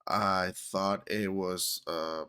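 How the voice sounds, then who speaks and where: A man's voice: low voice, fairly even intonation, drawn-out words, bright, forceful tone, smooth. A man whose first language is Spanish, talking casually to camera about a film he loved, with lots of fillers and self-corrections. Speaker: vlogger. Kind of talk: casual movie talk to camera.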